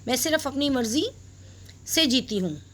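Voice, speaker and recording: This is a spoiled, haughty young wife, put on by a woman reading a story aloud. She talks in a huffy, snappish way and her voice sits high. Faint noise hums behind her. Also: animated, moderate pace, fairly bright tone.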